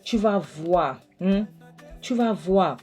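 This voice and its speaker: A woman's voice: lowish voice, animated, normal speed, a little mellow, soft background music, voice pushed up, lightly acted. A woman voicing an angry, threatening father who repeats his words, in a film recap.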